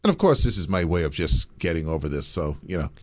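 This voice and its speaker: A man's voice: low-pitched, big pitch swings, fast, no echo. A man with a Bahamian accent co-hosting a casual comic talk show, with a playful, laughing manner. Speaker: co-host.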